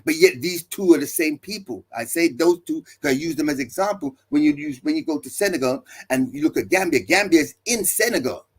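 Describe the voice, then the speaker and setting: A man's voice: a little high, lively intonation, fairly quick, hardly any pauses, husky. A male pastor preaching to listeners, building his points with emphatic repeated refrains and rhetorical questions. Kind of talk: preaching talk.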